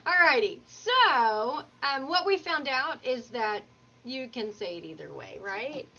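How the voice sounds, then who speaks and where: An upbeat woman hosts a webinar in easy, casual chat, laughing often. Her voice sits high and swings widely in pitch, and the call audio is dull and lo-fi. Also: expressive, slow pace, pushed and bright. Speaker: webinar host.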